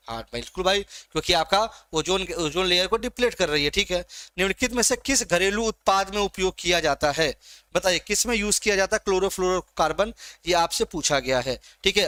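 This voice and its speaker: A man's voice: high-pitched, bright, forceful tone, dry recording. A man teaching a live online exam-prep class, coaxing and teasing his students by name as he quizzes them.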